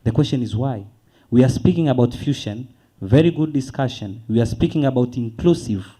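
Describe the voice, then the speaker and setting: A man from Tanzania, speaking earnestly on a conference panel, posing rhetorical questions and slowing to stress key words. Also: mid-range voice, expressive, dark tone, husky, poor audio.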